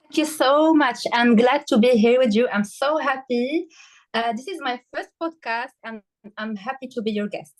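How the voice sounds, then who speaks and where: A woman from Morocco, a health coach and podcast guest, talking through her story with many pauses, fillers and restarts, and some emotion. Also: fairly high pitch, poor audio. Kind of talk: casual interview conversation.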